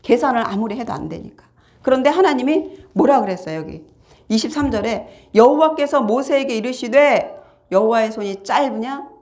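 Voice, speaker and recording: A woman's voice: on the high side, expressive, moderate pace, a little mellow. A middle-aged woman pastor preaching a sermon, retelling a story and acting out the quoted dialogue.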